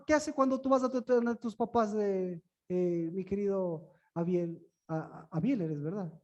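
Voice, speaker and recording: High-voiced male preacher, questions the room constantly, stumbles and repeats words. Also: a little slow, a little mellow, dull audio. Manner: asks the room many rhetorical questions; repeats and restarts words often. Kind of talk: sermon-style Bible teaching.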